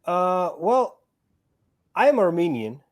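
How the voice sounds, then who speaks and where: Male actor guest, from Georgia by way of Greece, slightly high voice, earnest and repetitive in casual chat. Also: big pitch swings, takes it slowly. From born in Georgia, raised in Greece. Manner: earnest, repeats words while finding phrasing.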